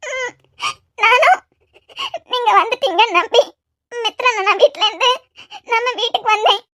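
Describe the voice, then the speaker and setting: A woman's voice: extremely high pitch, moderate pace, sharp tone, no room sound, clean studio sound. A woman voicing a tearful young bride in a cartoon, pleading her innocence, with a Kanyakumari Tamil accent.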